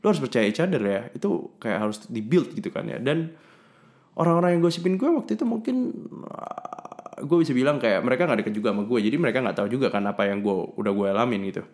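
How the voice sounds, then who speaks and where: A man's voice: mid-range voice, animated, quick pace. A young man telling a personal story in casual, slangy talk, cursing often and mixing in English words. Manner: swings between loud bursts and mumbled asides.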